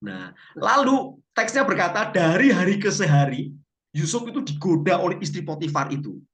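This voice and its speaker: A man's voice: high-pitched, moderate pace. A man teaching a Bible language class, telling stories with jokes and asking the class questions. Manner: lively storytelling, asks class questions.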